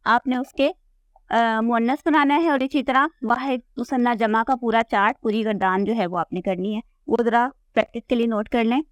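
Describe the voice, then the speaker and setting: Woman teacher, kinda high voice, dry close mic, patient and repeats a lot. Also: fairly even intonation, normal speed, no echo. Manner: patient, repeats forms and checks in with "theek hai". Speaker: Arabic grammar teacher. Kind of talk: classroom lesson explaining a chart.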